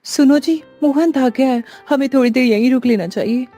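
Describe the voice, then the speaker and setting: A woman voicing a caring young village mother who speaks softly and reassuringly. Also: high voice, normal speed, soft background music. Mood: gentle. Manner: soft, reassuring.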